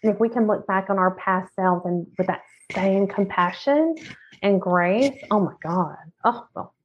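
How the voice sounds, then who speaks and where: A woman's voice: medium pitch, a little slow, a little hiss or hum. A woman talking earnestly and candidly on a podcast, teaching about forgiveness and swearing casually. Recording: tinny phone-like audio.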